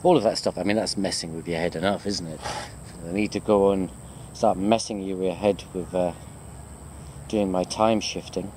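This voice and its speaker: Walking while on a video chat, a university lecturer talks informally to his students in a low, slightly mellow voice, steady in tone and moderate in pace. Some background noise is audible as he rambles, chatty and self-deprecating.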